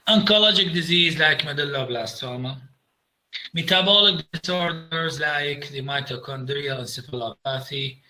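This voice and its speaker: A man with an Iraqi accent giving a medical lecture over slides, halting with frequent fillers and slipping into Arabic. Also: medium pitch, pushed and bright, poor audio.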